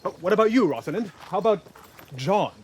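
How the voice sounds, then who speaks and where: An actor playing a witty, bossy male court fool who trades in quick, teasing, rhyming quips in an outdoor stage play. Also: high voice, lively intonation, a little mellow. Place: outdoors on a farm. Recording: outdoor stage recording with light noise.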